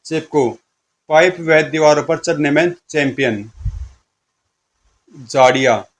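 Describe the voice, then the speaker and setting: A man narrating a comic audio story in a lively storytelling manner. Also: on the high side, takes it slowly.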